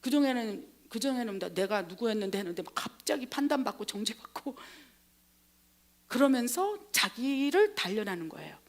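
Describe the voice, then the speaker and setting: A woman missionary pastor preaching a sermon, retelling scripture in a dramatic, animated way. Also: on the high side, moderate pace. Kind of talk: Korean sermon with acted retelling.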